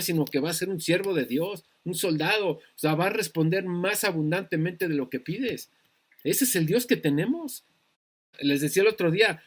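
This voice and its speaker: A man with a Mexican accent teaches a Bible study as a pastor, speaking in a high voice. He preaches in an animated way and throws out rhetorical questions as he teaches.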